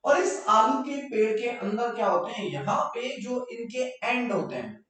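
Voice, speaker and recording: बहुत गूंजते कमरे में ऊँची आवाज़ वाला शिक्षक. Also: male voice, extremely high pitch, big pitch swings, normal speed, a bit bright, far from the mic. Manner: explains in mixed Hindi and English, repeats key terms, invites student questions. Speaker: biology teacher. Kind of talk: online live class lecture. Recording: very echoey room, voice off-mic.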